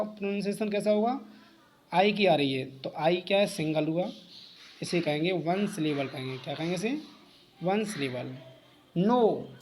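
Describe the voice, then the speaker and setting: Man teaching, asks and answers himself. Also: high voice. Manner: explains step by step, asks and answers own questions. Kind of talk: exam-prep lecture.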